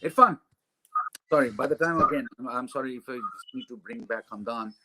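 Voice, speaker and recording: A man with a Pakistani accent, moderating an online panel over a video call, talking rapidly and rephrasing himself as he goes. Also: medium pitch, sharp tone, husky, low-quality recording. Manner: rapid, code-switching, rambling with restarts.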